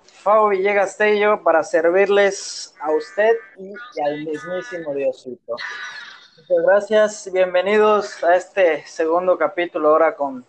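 A Yucatecan man co-hosting a casual podcast talks in a playful, rambling way from his room at home, recording on his phone. He's from Yucatán, Mexico, with a Yucatecan accent, and his voice sits high and moves a little slowly.

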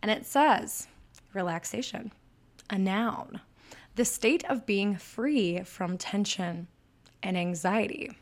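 A Michigan woman hosts her own solo podcast, talking in a bubbly, chatty, upbeat way. Her voice is mid-range and her pace slow.

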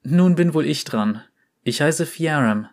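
A man voicing a shy, gentle porcelain clockwork boy in a storybook, soft-spoken and playful. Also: fairly high pitch, animated, measured pace, pitched above the performer's own voice.

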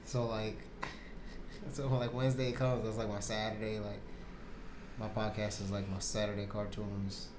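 A man co-hosting a podcast who chats in a relaxed way, laughing often and repeating words. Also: on the low side, unhurried, background noise. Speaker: podcast co-host. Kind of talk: casual podcast chat.

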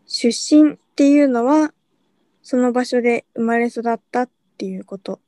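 A woman co-hosting a casual podcast, reading out questions and explaining Japanese words in a relaxed way. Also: fairly high pitch, normal speed, no room sound. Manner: relaxed, reads out questions and prompts her partner. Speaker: podcast co-host.

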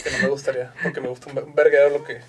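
A man in his thirties from Chihuahua, speaking with a northern Mexican accent, chats casually as a podcast guest, laid-back and slangy, and he swears freely. He talks very fast at a mid-range pitch in a level tone, with crowd noise in the background.

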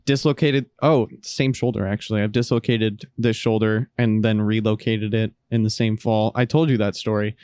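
A man's voice: on the low side, fairly even intonation, moderate pace, few pauses, darkish tone, clean tone, dry recording. A young man co-hosting a podcast, talking in a laid-back, rambling way with lots of fillers. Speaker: podcast co-host. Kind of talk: casual chat.

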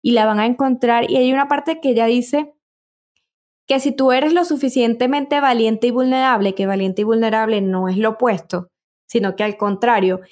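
A woman hosting a casual podcast, talking in an eager, chatty way with plenty of asides. Her voice sits a little high for a woman. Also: moderate pace, darkish tone. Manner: chatty and enthusiastic, many asides. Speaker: podcast host.

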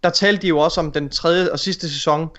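A man co-hosting a casual gaming podcast, rambling quickly and restarting his sentences. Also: on the high side, steady tone, a bit bright, muffled recording. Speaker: podcast co-host.

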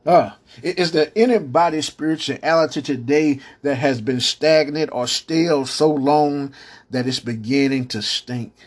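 A man's voice: on the high side, unhurried. A man preaching a podcast sermon, punctuating lines with amens and stammered restarts, calling out to the church.

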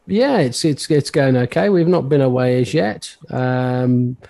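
A slightly husky man chatting casually as a co-host from an echoey, uncarpeted room. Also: mid-range voice, unhurried, dark tone. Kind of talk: casual chat. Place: bare uncarpeted room in a house.

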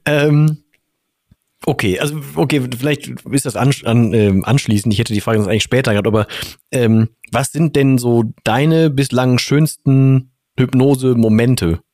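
A man's voice: mid-range voice, moderate pace, a little mellow, no room sound, clean studio sound. A man interviewing in a casual chat, asking long, rambling questions with many restarts. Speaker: podcast interviewer.

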